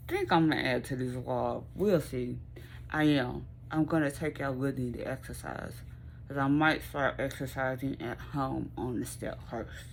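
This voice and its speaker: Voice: mid-range voice, gravelly. American vlogger chatting casually w a sore stiff jaw, midrange voice, noisy home video. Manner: restricted jaw movement from a sore jaw after surgery. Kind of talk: casual chatty recovery vlog.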